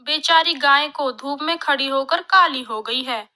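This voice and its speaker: Fussy city daughter-in-law voiced by a woman, whiny lines, high bright voice. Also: unhurried, exaggerated voice.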